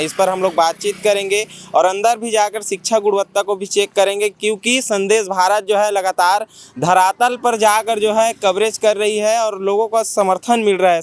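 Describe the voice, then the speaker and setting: A man's voice: sits high, clear, resonant tone, no echo. A man reporting from a village school and questioning pupils, talking in long, repetitive run-on phrases. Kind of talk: field report and interviews.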